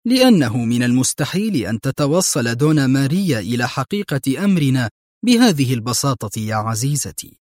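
A self-assured male secret agent talks with quiet mockery, as a man reads him. The tone is husky and the sound is dry and close. It comes from an audiobook thriller. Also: medium pitch, no room sound, lightly acted. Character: sardonic male secret agent, calm and confident. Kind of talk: audiobook narration.

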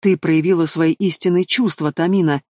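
Man playing a dragon prince, proud, predatory, insistent, fairly high voice, dry studio sound. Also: fairly even intonation, moderate pace, darkish tone, no room sound, natural voice. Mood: intense. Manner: growling, insistent.

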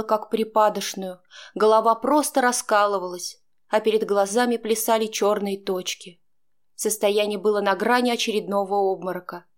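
A woman narrating a first-person novel as an audiobook, in an emotional, dramatic reading. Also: mid-range voice.

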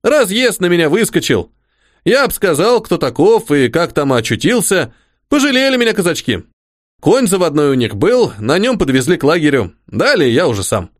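A man voicing a devoted old soldier-servant, humble and eager, his folksy words tumbling out as he fusses over his officer. The voice sits high and swings up and down. The sound is close and dry, with no room around it. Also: sing-song, moderate pace, no room sound. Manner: rustic folksy speech, fussing and eager. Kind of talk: audiobook character voice.

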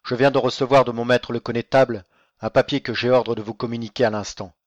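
Rôle : un homme faisant un huissier gêné, voix basse ; prise sèche, un peu terne. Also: male voice, steady tone, quick pace, dry recording, dull audio, natural voice. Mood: ashamed. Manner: low, ashamed delivery.

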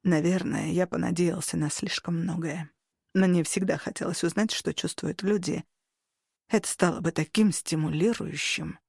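A woman voicing a quiet, earnest android captain. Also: on the low side, steady tone, normal speed, vocal fry, slightly rough, dry recording, clean studio sound. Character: reserved male android starship captain. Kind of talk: audiobook character reading.

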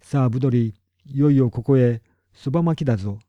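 A man reading a boastful, stubborn farmer who speaks bluntly and never backs down. The voice is dark and mellow, in a dry, close sound. The recording is dull and lo-fi. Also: mid-range voice, fairly quick, no room sound, natural voice. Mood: gruff, determined. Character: proud, stubborn middle-aged male big farmer.

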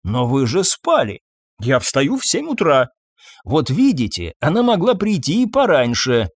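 A man voicing a calm, indifferent hotel manager who speaks in an unhurried, dryly evasive way. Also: on the high side, slightly rough, dry recording, studio quality, heavily acted.

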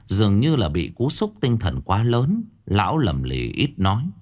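A man narrating a ghost story in a lively storytelling manner. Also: lowish voice, moderate pace.

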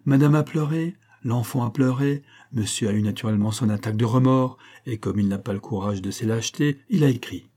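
A man's voice: mid-range voice, a little fast, hardly any pauses, dark tone, lightly acted. A man voicing a bitter, heartbroken young woman who mocks and reproaches her lover in a raised voice. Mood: angry, anguished. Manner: mocking, reproachful, rising to cries.

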